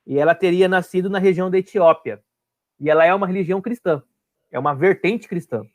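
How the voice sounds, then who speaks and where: A man's voice: sits high, fast. A man teaching an online class, explaining step by step and often checking that his students follow.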